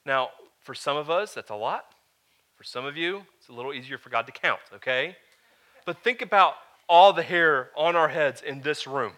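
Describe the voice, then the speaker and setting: A man preaching a sermon to a live congregation, conversational, with joking asides, swinging from hushed to loud. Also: on the high side, animated, moderate pace. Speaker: pastor.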